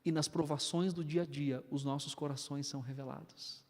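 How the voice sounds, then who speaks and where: Brazilian pastor preaching in a reverberant church. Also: male voice, on the high side, moderate pace. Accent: Brazilian Portuguese. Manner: animated storytelling, acts out family dialogue. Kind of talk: sermon with personal anecdotes. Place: church sanctuary, indoors. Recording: long reverb of a church hall.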